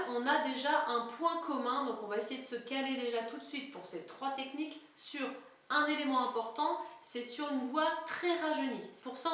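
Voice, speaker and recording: A woman's voice: sits high, a bit bright. A woman giving an online singing lesson, explaining step by step to the viewer in a friendly, informal way and breaking into short sung examples. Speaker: singing teacher. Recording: very echoey room, faint music.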